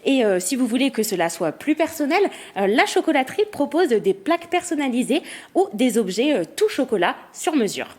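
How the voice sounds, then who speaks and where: A woman with a fairly high, very lively pitch presents suggestions on a TV magazine segment. She pauses often with hesitant fillers between phrases. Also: slightly rough. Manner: hesitant, many "euh" fillers. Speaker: TV columnist presenting gift ideas.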